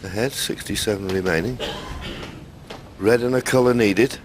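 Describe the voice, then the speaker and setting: A man's voice: on the low side, normal speed, slight background noise. A man giving analytical snooker commentary as a co-commentator.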